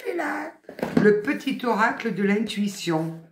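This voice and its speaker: A woman in her fifties with a Southern French accent gives a casual spiritual card reading. She chats and exclaims, then reads each card's text slowly aloud. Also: fairly high pitch, very animated, a little hiss or hum. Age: 50s. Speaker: oracle card reader. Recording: echoey room.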